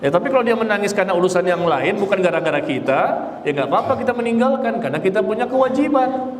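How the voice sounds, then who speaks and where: A man's voice: high-pitched, lively intonation, fast. A tired man giving an Islamic lecture and answering audience questions, with joking asides and rhetorical questions. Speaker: Islamic religious teacher. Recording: roomy hall reverb with faint noise.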